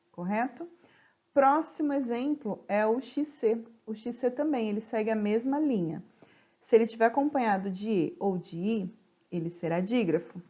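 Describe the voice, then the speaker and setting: A woman teacher giving a slide-based grammar lesson, explaining patiently and stretching example words out slowly. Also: on the high side, dark tone, husky, dull audio. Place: home.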